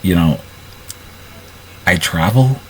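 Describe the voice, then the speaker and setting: A man casually narrating his moves in a role-play, often halting and restarting his sentences. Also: low voice, lively intonation, slight background noise, rough recording.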